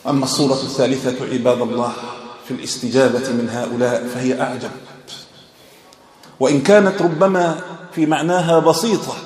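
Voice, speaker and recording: A man's voice: mid-range voice, fairly even intonation, a little fast, echoey room. A man preaching a sermon, retelling stories with growing passion and rhetorical questions. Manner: impassioned, climbing to near-shouts on rhetorical questions. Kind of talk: Friday-style sermon storytelling.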